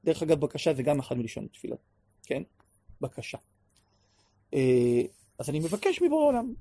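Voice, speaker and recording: A man teaching a class on prayer in an animated way, acting out pleas and sometimes raising his voice to a shout. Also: a little high, vocal fry, dry recording, clean studio sound. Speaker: religious teacher.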